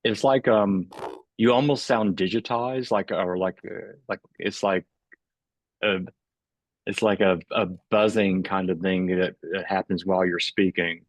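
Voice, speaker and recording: A man's voice: sits low, fairly even intonation, measured pace, no echo. A man hosting an artist talk over a video call, chatting casually with many filler words and frequent laughter. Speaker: host and moderator of an artist talk. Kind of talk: casual presenting.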